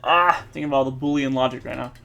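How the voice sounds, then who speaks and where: A man thinking aloud while he codes, halting and correcting himself, with many fillers. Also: mid-range voice, creaky, bright, forceful tone. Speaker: programmer streaming his coding practice. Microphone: earbuds mic.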